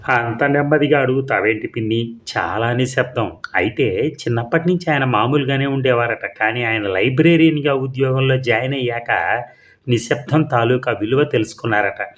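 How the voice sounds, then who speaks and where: A man doing a meek, hushed young wife. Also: medium pitch, normal speed, lightly acted. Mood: hushed, rueful. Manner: hushed and pleading, patient. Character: meek young wife who talks softly.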